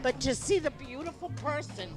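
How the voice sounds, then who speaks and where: A woman's voice: sits high, animated, normal speed, music in the background. An older woman, a retired schoolteacher, gives an earnest, heartfelt tribute to her former student in an interview.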